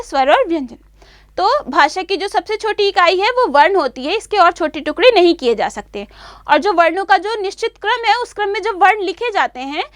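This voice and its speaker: A woman teaching a grammar lesson for children, slowly and carefully spelling out each sound and repeating the points. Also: very high voice, dry recording, clean studio sound.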